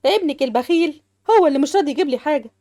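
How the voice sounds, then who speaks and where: A woman with an Egyptian accent voicing sharp-tongued sisters-in-law who bicker in a home-made family drama. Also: high voice, expressive, very fast, dry recording, clean studio sound. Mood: defensive. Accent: Egyptian Arabic.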